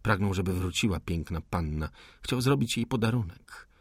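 A man reads a classic novel aloud in a measured, deliberate way. His voice is low and a little husky. The recording is close and dry, with no room sound. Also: lively intonation, no echo. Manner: measured, deliberate literary reading. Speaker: narrator. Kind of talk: audiobook narration.

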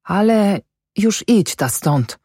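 A woman's voice: medium pitch, animated, takes it slowly, mellow, husky, no echo, studio quality, voice pushed up. A woman voicing a distraught peasant father who speaks in a muffled, accusing voice in an audiobook. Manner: muffled, pleading then accusing. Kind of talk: audiobook character voice.

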